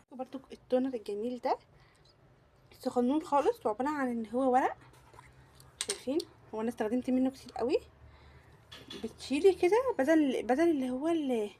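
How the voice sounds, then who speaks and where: A woman's voice: high-pitched, a little mellow, slight background noise. A young woman with an Egyptian Arabic accent, gushing through a casual beauty product review and repeating words for emphasis. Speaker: beauty vlogger.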